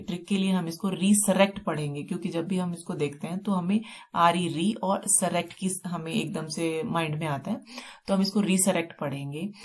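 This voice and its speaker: Woman, Indian accent, low-pitched, vocabulary teacher, patient and repetitive explaining. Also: darkish tone. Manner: explains slowly, repeating words with memory tricks. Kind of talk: classroom vocabulary lesson.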